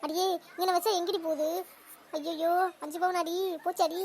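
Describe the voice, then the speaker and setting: A woman voicing a bossy older mother-in-law in a comedy cartoon, scolding in rapid-fire bursts. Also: very high voice, flat delivery, darkish tone, a little hiss or hum.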